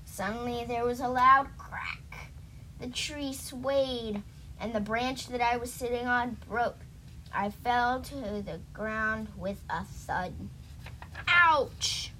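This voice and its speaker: A woman reads a children's picture book aloud with a gentle, expressive delivery. Her voice is high and bright, and she takes her time over each line. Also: slow pace, a little hiss or hum, poor audio. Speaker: storybook reader. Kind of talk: children's story read-aloud.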